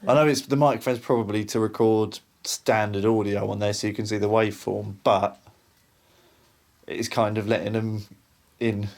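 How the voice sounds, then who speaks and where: A man's voice: on the low side, fairly even intonation, moderate pace, a little mellow. A man working as a paranormal investigator, chatting casually while trying out phone apps. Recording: clear background noise.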